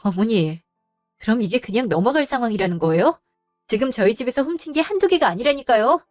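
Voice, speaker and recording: A woman's voice: a little high, lively intonation, darkish tone, no room sound, clean studio sound, soft background music, close to an everyday voice. A woman playing a wronged daughter-in-law who speaks politely but firmly to her in-laws. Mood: pleading. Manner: polite but firm, measured.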